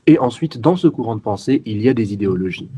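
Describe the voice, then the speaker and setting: A man's voice: lowish voice, lively intonation, fast, dark tone, breathy edge. A 21-year-old man with a Belgian French accent, answering interview questions earnestly as a guest, with many fillers and restarts. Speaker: guest, youth party section president.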